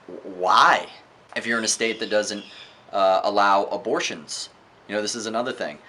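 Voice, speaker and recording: A man gives an earnest, emphatic, opinionated review of a book in a casual monologue, often halting and tossing out rhetorical questions. His lowish voice sounds pushed and bright.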